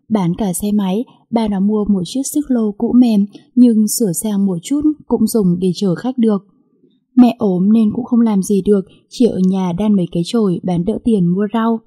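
Husky, dark-voiced woman narrator. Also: medium pitch. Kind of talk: storybook narration.

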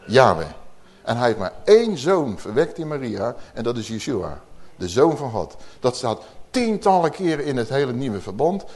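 A man's voice: medium pitch, darkish tone. A man preaching a sermon in a conversational teaching manner, asking the listeners rhetorical questions.

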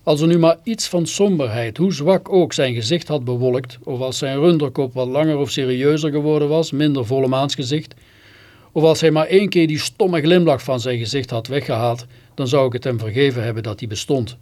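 A man on literary radio reads a first-person tale aloud. His delivery is theatrical and scornful, with sudden bitter outbursts, and his voice sits at an ordinary middle pitch. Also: brisk, a little mellow. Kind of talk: dramatic first-person story reading.

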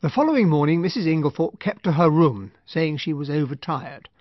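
Captain Hastings, lively English gentleman. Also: a little high, fairly quick, no room sound, dull audio. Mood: reminiscing. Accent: English, well-spoken. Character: genial, naive English army captain narrating. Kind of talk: radio drama narration and acting.

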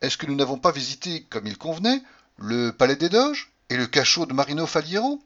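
A man's voice: fairly high pitch, big pitch swings, a little fast, a bit bright, pitched above the performer's own voice. An adoring young lover, played by a male reader who protests emphatically and talks in exclamations. The audiobook sound is dull and lo-fi. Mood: protesting.

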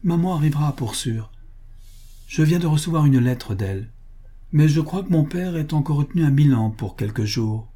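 A male audiobook reader voicing a calm, frank young woman of modest means, giving measured replies. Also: on the high side, pitched above the performer's own voice. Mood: composed. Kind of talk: audiobook character voice.

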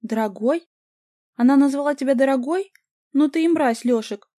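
A woman voicing a furious young woman in a cafe brawl, yelling shrill insults. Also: normal speed, no echo, studio quality, lightly acted.

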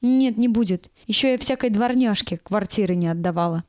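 A woman's voice: medium pitch, fairly quick, a little mellow, no room sound, studio quality, close to an everyday voice. Woman voicing a bitter, curt kindergarten teacher. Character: embittered middle-aged female kindergarten teacher, proud.

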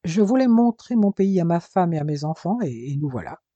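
A narrator voicing a calm, wry middle-aged man back from abroad, in a dull lo-fi recording. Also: medium pitch, fairly quick, no echo. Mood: fond.

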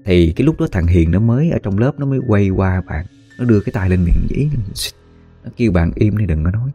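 A man narrating a spooky story in a folksy, animated way, acting out the voices of the people in it. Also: fairly low pitch, a little fast, husky, soft background music. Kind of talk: spoken ghost story narration.

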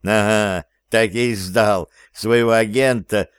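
A man voicing an excitable male sidekick who is quick to take offence. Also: on the low side, smooth, no echo, studio quality. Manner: indignant, whiny.

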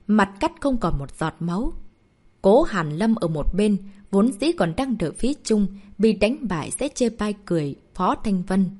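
A woman narrating a martial arts story as an audiobook, reading in an expressive storytelling manner. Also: mid-range voice.

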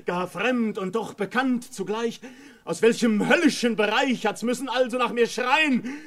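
A man's voice: very high-pitched, a little slow, fairly bright tone. A man playing a rich reveller who declaims rhymed verse in a 1950s stage drama recording. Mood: alarmed. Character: rich reveller turning fearful, male, adult.

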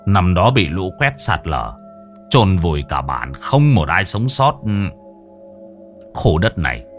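A man doing a gruff, low old shaman. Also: expressive, a little slow, pushed and bright, soft background music, full character voice. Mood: ominous. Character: gruff older male mountain shaman, worried.

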